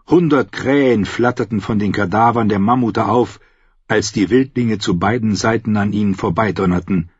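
Male audiobook narrator for fantasy, husky tone, dry close mic with a slightly dull sound. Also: lowish voice, dry recording. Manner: steady storytelling with loudly shouted battle commands.

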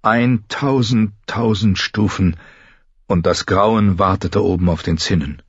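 Male audiobook narrator, low husky voice, measured read; dry, dull-sounding recording. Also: fairly even intonation, no room sound. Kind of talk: scripted narration.

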